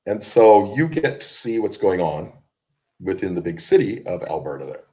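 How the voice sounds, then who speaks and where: Male host on a muffled conference call line, fairly low voice, has a cold. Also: very animated, normal speed, mellow. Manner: chatty, mocking, repeats himself. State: has a cold, coughs when laughing. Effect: conference call audio. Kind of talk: online group call chat. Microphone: computer call mic. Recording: dull lo-fi online call audio.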